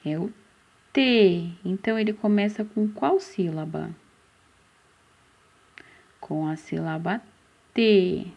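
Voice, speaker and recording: A Brazilian woman teaching a slow, patient phonics lesson for young children, stretching out syllables and asking questions that she then answers herself. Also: lowish voice, vocal fry. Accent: Brazilian Portuguese. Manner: drawn-out syllables, asks questions and answers them. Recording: dull, muffled lo-fi recording.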